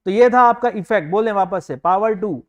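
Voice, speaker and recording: Indian male law teacher with a high voice, live online class, code-switches and dictates slowly. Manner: slowly dictates English legal text, mixes Hindi and English; reads student comments aloud and answers them.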